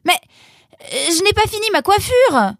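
A woman voicing a lively, flustered young woman in an audio story, talking in quick exclamations. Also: fairly high pitch, no echo, studio quality. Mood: exasperated. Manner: animated, exclaiming.

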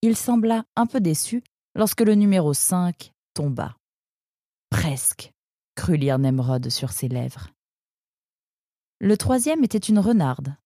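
A woman narrating a children's animal story with an expressive reading. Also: lowish voice, unhurried, no echo, clean studio sound.

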